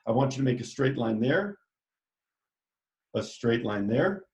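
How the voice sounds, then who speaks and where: A man's voice: medium pitch, very animated, a little slow, darkish tone, highs cut off. Chatty, enthusiastic male art teacher. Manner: enthusiastic, chatty, directs students step by step. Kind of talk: art lesson for children. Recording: echoey room.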